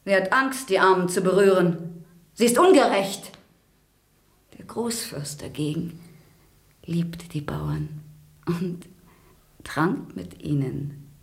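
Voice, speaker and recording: In a German radio play, an actress with a lowish female voice plays a grieving, widowed Russian grand duchess who is bitter, devout, and pleading. Her delivery is halting and breathy, often sinking into whispers.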